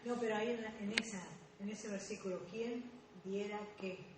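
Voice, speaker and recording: A woman's voice: medium pitch, fairly even intonation, moderate pace, a little hiss or hum, poor audio. A woman, a student in the class, raising questions from her seat.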